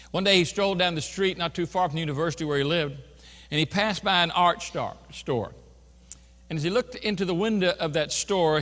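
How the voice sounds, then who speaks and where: A man's voice: fairly high pitch, a bit bright, long reverb tail. A man preaching an earnest, emphatic sermon in a church, often restarting his phrases. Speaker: pastor. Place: church sanctuary.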